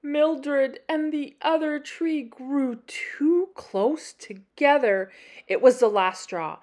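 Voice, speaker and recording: Pitched high with a darkish tone, this Canadian story-time host reads a children's picture book expressively, leaning on dramatic pauses and emphasis.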